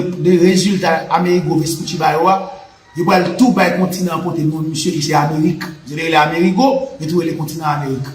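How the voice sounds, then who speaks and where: The sound is roomy and the recording rough as a high-pitched Haitian man, speaking with a Haitian Creole accent, hosts his channel's live talk. He covers politics and history with a fervent, sermon-like repetitiveness.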